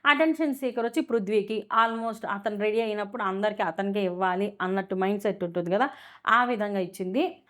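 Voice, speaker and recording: A woman's voice: medium pitch, fairly quick. A woman giving a casual, opinionated review of a reality show, full of fillers and rhetorical questions.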